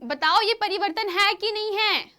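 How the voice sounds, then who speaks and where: A woman teaching a science lesson to schoolchildren, with a lively, questioning manner, often asking the class to answer. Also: very high voice, moderate pace. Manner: lively, questioning, addresses pupils as children.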